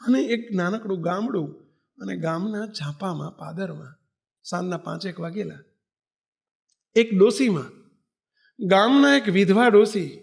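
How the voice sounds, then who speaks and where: A preacher from Gujarat, India, delivers a storytelling sermon in a high-sitting, gravelly voice. He is animated, acting out and voicing the characters in a parable.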